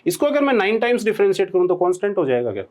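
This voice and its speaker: Indian male maths tutor, a bit high-pitched, dictates formulas slowly and checks in with the class every line. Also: big pitch swings, a little mellow. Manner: checks in constantly with rhetorical questions. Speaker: maths teacher. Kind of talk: blackboard lecture.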